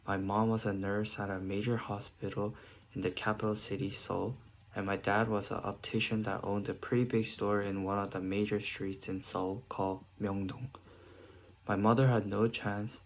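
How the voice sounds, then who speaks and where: A man's voice: fairly low pitch, slight background noise. Young man reading his school essay. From South Korea. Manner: reads in short phrases with small slips and restarts. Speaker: student. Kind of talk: reading a prepared essay aloud.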